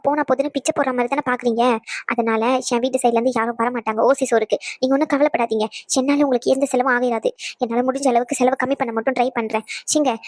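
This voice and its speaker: A woman voicing a stubborn, angry young pregnant wife in a cartoon, sharp and defiant. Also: on the high side, no echo, clean studio sound, lightly acted. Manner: sharp, defiant, rapid retorts.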